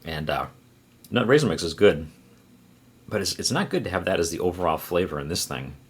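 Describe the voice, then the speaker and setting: Low-voiced man groaning through a food challenge. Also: lively intonation, fairly quick, husky. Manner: mumbling while chewing, groaning and sighing. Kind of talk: casual eating vlog.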